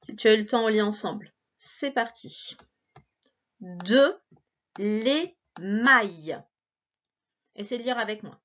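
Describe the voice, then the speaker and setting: A woman teacher giving a recorded reading lesson to a child, encouraging and playful, stretching out words slowly. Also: a little high, steady tone, muffled recording. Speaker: primary school teacher.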